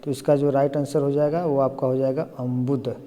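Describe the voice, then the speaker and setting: Man teaching Hindi grammar, dark voice. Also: medium pitch, flat delivery, fairly quick, in a large hall. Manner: explains step by step, often asks "है ना?". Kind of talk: exam-prep lesson.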